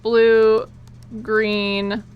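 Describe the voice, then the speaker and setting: Cute, bubbly, high-voiced woman streamer. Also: little pitch movement, extremely slow, clear, resonant tone, lo-fi sound. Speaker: video game live streamer. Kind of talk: casual livestream gameplay commentary.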